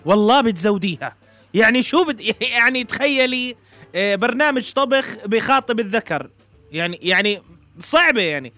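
A man's voice: high voice, lively intonation, fairly quick, sharp tone, no room sound, soft background music. A man with a Jordanian Levantine accent, a podcast co-host in casual comic banter, teasing and mock-exasperated.

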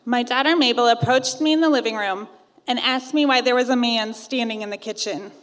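A woman's voice: fairly high pitch, brisk, big-room sound, slight background noise. A woman in her thirties from Iowa, narrating a personal ghost story in a wry, conversational way. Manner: wry, conversational, self-teasing.

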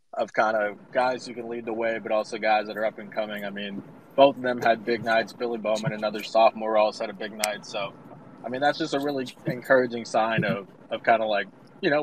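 A man's voice: fairly low pitch, a little hiss or hum, poor audio. A man, out of breath after running through the rain to his car, giving breathless, upbeat postgame analysis.

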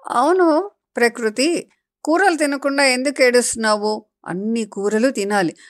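Rich: A woman putting on a talking eggplant from a children's storybook, a cheerful know-it-all who explains things to a small child. It talks in a lively, playful, lecturing way, slightly higher than an everyday voice, and loud and bright. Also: moderate pace, natural voice. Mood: chatty, teaching.

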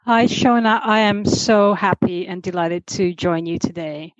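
A woman in her forties who grew up in Singapore, now a communications manager, speaks as a podcast guest over a remote call, chatty and full of ums and repeated starts. Her fairly low voice is unhurried, with no room sound and the highs cut off.

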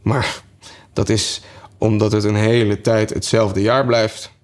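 A man's voice: lowish voice, level tone, slow. A man reading aloud, voicing a polite, curious young girl in a raised voice.

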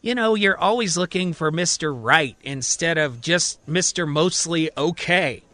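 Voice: medium pitch, lively intonation, a little slow, pushed and bright, dry recording. A man voicing Jordan, a teasing, nosy best friend who prods about dating, in a one-man audio story.

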